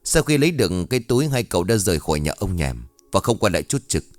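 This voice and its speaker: A man's voice: low voice, very animated, quick pace, a little mellow, no echo, faint music behind. A man voicing a composed, methodical police captain questioning a suspect. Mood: calm.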